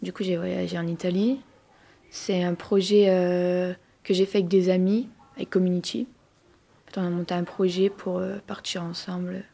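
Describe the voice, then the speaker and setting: A twenty-year-old woman speaks hesitantly. Her voice is dark and gravelly, and it stays flat. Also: on the low side, moderate pace. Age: 20s. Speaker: youth futsal coach.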